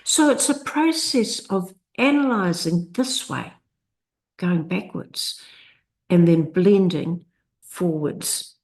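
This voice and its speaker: Woman, literacy teacher, unhurried, careful sounding-out of word parts. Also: on the low side, a little mellow. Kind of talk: instructional screencast narration.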